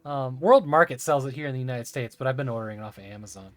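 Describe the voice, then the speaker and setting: A man's voice: medium pitch, racing, no echo, soft background music. A man streaming a game, chatting casually and enthusiastically with laughing asides. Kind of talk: casual live-stream chat while playing.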